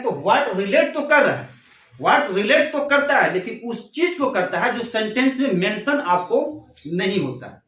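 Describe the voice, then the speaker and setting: A man teaching an English grammar lesson, who reads each example slowly and then explains it again in Hindi. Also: high-pitched, fairly bright tone, echoey room, recorded from a distance.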